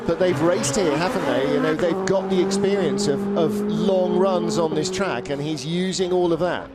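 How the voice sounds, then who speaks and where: Guy calling a race, chatty, thinks out loud, loud engines roaring under him. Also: high voice, moderate pace. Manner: chatty, joking, thinks aloud about timings. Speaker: lead race commentator. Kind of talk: live motorsport commentary. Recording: loud engine noise behind commentary.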